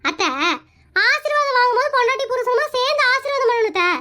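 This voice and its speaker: A woman's voice: extremely high pitch, fast talker, bright, forceful tone. A woman voicing a cheeky young daughter-in-law in a cartoon skit, teasing and sarcastic.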